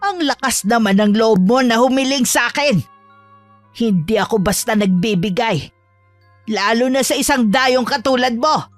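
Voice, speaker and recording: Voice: mid-range voice, normal speed, soft background music, natural voice. A voice actor playing a stern, hostile old witch in a horror audio drama, speaking coldly and threateningly. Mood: menacing. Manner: cold and threatening. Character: stern, hostile old female witch who guards her garden.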